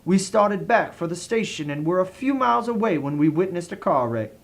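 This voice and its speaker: Narrating in a fairly high voice with a Southern US accent, a man turns a comic review into a dramatic tale, genteel and theatrical. His delivery is brisk and sing-song, with some vocal fry.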